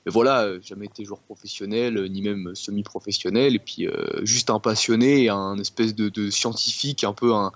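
A man's voice: lowish voice, fairly even intonation, moderate pace, few pauses, no echo, muffled recording. A man, a guest football specialist on a casual podcast, rambling and repeating words. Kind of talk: casual sports podcast chat.

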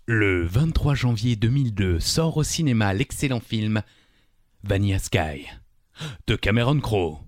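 Male quiz co-host, teasing and playful, very animated delivery, dry close mic. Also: on the low side, unhurried, no echo. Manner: teasing, playful, reads questions aloud. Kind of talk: casual joking chat.

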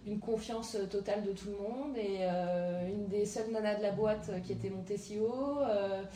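A woman's voice: medium pitch, fairly even intonation, normal speed, dark tone, a little hiss or hum. A woman in her thirties from southern France, a guest chatting casually about her career, with lots of hesitant fillers. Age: 30s. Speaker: guest, entrepreneur. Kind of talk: casual interview chat. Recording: roomy, distant mic, faint ambience.

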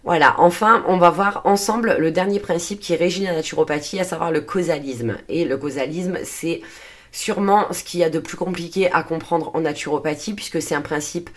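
Low-voiced French woman explaining calmly. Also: a little fast. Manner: earnest, steady delivery with frequent "euh" fillers and self-corrections. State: dry throat. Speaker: podcast host and naturopathy coach. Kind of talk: solo podcast explainer, partly read.

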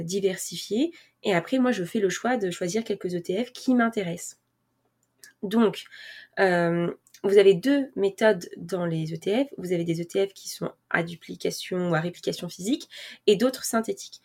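A woman's voice: medium pitch, a little mellow. A woman vlogger talking casually to her viewers and explaining things step by step, with many fillers and restarts and the odd laugh at herself. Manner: self-mocking, laughs at herself. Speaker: personal finance vlogger. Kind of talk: casual explanatory talk to camera.

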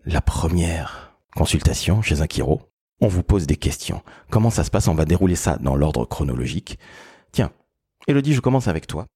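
A man's voice: a bass voice, sing-song, moderate pace, dark tone, husky, no echo, studio quality. A man hosting a podcast, talking emphatically and introducing his guests with big words. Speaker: podcast host.

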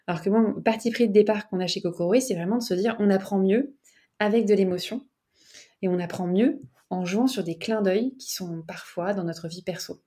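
A woman's voice: mid-range voice, normal speed. A young woman, a startup cofounder interviewed as a guest, speaking casually and chattily and often saying "tu vois". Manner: lively, chatty, peppered with "tu vois".

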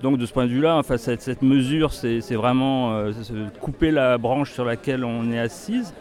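A man in his fifties, a research scientist, answering a street interview outdoors in a measured, deliberate way with frequent restarts. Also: mid-range voice, darkish tone, faint music behind. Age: 50s.

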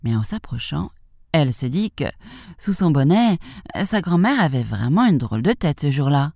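A woman reading a fairy tale aloud for young children, in a lively, expressive way. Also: low-pitched, normal speed, dry recording, clean studio sound. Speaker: storyteller.

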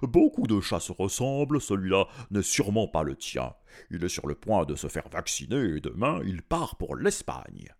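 A man voicing a stern, stubborn adult man who talks firmly and loudly. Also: low voice, sing-song, normal speed, gravelly, full character voice. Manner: firm and forceful.

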